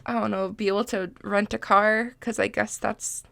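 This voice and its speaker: This woman in her twenties from Massachusetts, USA, hosts a casual solo podcast, sniffly and congested, chatting in a self-deprecating way and cursing freely. Her medium-pitched voice is creaky and a bit bright, with flat delivery at normal speed and no room sound.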